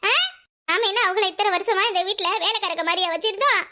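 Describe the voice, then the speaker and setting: A woman's voice: extremely high pitch, quick pace, pushed and bright. A woman voicing a fiery young daughter. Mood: consoling, indignant. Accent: Kanyakumari Tamil. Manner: questioning, indignant. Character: young daughter, loyal and quick to take offence.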